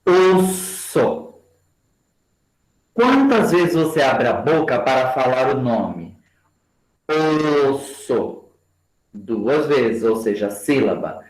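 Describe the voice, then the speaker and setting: Man, teacher-training lecture, lively pitch, echoey room. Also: soft background music. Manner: spells out example words slowly for the class. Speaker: education lecturer. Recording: roomy echo.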